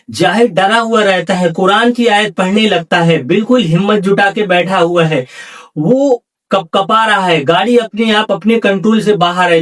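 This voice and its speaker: A man narrating a horror story in a casual spoken way, often calling his listeners "guys", recorded from a distance off the mic. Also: sits high.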